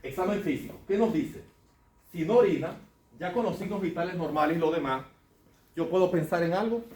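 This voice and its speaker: Echoey medical lecturer quizzing students. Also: male voice, sits high, brisk, darkish tone. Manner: conversational, asks the class questions. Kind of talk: classroom lecture on clinical cases. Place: lecture hall. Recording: echoey classroom, faint room noise.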